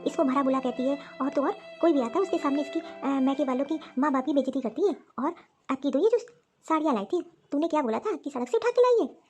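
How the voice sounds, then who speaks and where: A woman's voice: high voice, a little mellow. A woman voicing a stern, proud elderly grandmother-in-law in a cartoon story who scolds and lectures her family.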